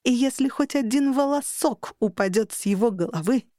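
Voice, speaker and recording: A woman's voice: on the high side, animated, moderate pace, no echo, clean studio sound, close to an everyday voice. A woman doing a shrieking furious young heroine. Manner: shrieking, yelling insults. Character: furious young heroine, guardian, sharp-tongued.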